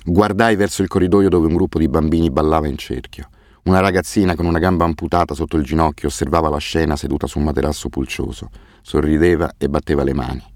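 Very deep-voiced man reading a novel. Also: steady tone, fast talker, darkish tone, no room sound, clean studio sound. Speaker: audiobook narrator. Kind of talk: first-person novel reading.

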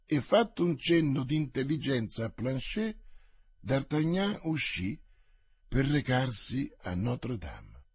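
Male narrator for a classic novel audiobook, husky, lively, dry close sound. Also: medium pitch, dry recording. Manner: expressive, measured reading. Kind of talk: scripted narration.

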